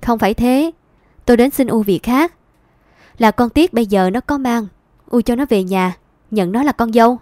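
A woman reader voices a poor young son caught in a family quarrel, pleading and tearful. His voice sits higher and louder than the narration, and it begs without letting up. The reading is dry and close. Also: moderate pace, pauses often, no room sound, natural voice.

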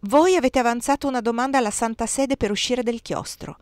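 A woman's voice: mid-range voice, animated, moderate pace, gravelly, a bit bright, no echo, studio quality. A woman voicing a worldly, sly cardinal with a mellifluous, ironic voice. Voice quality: honeyed, mellifluous voice. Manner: dismissive, ironic.

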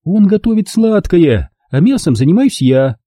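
A man voicing a sharp-tongued, indignant middle-aged mother, scolding in a raised voice. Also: sits high, very animated, normal speed, no room sound, studio quality, pitched above the performer's own voice. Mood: matter-of-fact.

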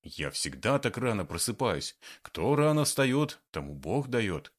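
Man doing a calm older guy, low voice, soothing tone, audiobook. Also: unhurried. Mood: placating. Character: patient older man, early riser, mild.

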